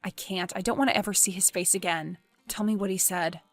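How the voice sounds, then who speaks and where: A woman voicing a gentle, principled young male teacher in an animated story, speaking softly and earnestly. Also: medium pitch, a little fast, no room sound, faint music behind, natural voice. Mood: hurt. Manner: soft, subdued, earnest.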